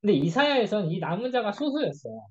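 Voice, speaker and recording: Youth group study leader, casual lecture, husky voice, dull lo-fi sound. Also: medium pitch, quick pace. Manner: animated storytelling, acting out quoted speech.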